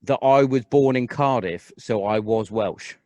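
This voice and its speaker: A young Englishman rambles through a casual podcast chat at a middling pitch. His voice sits dry and close to the mic, full of restarts and offhand swearing. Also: unhurried, darkish tone, dry recording. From England. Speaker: podcast host.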